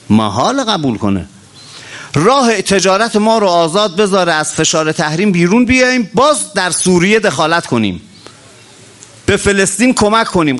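A man preaching a religious sermon to a congregation, impassioned, rising and dropping sharply as he talks, chanting verses slowly. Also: a bit bright. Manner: impassioned, rises and drops sharply in pitch. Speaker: cleric.

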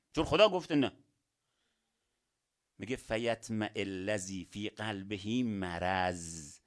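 A man preaching a sermon who asks rhetorical questions and swings between quiet and loud emphasis. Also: mid-range voice. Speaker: religious speaker. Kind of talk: sermon to an audience.

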